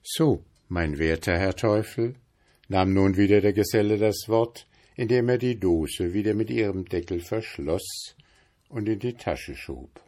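A man reading a fairy tale aloud as the storyteller, in an expressive, unhurried way. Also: lowish voice.

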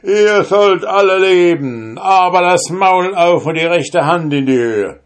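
A man voicing a bold, hungry soldier in a fairy tale, loud and boisterous. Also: mid-range voice, unhurried, pitched above the performer's own voice, close to an everyday voice. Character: bold hungry male soldier, cheeky and fearless.

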